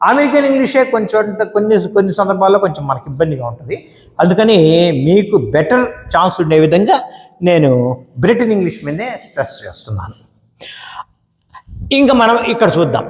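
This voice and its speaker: A male English teacher with a Telugu accent, giving a lesson and drawing out example words slowly. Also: sits high. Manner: slow, drawn-out example words, explanatory. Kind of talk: classroom-style lesson. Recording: echoey room with long reverb.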